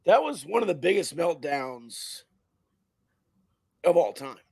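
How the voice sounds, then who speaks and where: A male sports host chats casually about football in a strained, hoarse voice. It is raspy and crackly, sitting slightly high for a man, with a dry, close sound. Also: big pitch swings, slow pace, no echo.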